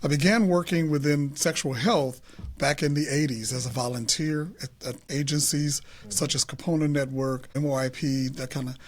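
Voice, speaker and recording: Older male interview guest; fairly high voice, rambling and self-correcting. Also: fairly even intonation, moderate pace. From Chicago, South Side. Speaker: guest, city LGBTQ+ affairs director. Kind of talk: casual interview talk.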